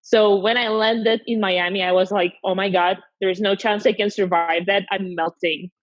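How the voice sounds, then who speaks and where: A woman's voice: mid-range voice, moderate pace, no room sound. Young Russian-accented woman, chatty guest. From Siberia, Russia. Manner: relaxed and chatty, frequent "like" fillers. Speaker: podcast guest. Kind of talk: casual interview chat. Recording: slightly dull lo-fi audio.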